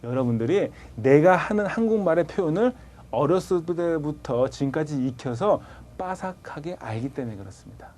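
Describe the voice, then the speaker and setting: A man teaching a TOEIC grammar class, lively and conversational, firing rhetorical questions at his students. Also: a little high, moderate pace. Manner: animated, rhetorical questions, colloquial asides. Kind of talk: classroom lecture.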